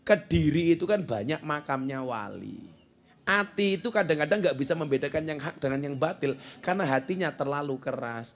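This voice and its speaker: A man preaching a humorous sermon, mixing in jokes and acting out the people in his stories. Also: fairly high pitch. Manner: joking, mixes Javanese with Indonesian, acts out the people in his stories. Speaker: Islamic preacher. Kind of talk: humorous sermon at a religious gathering.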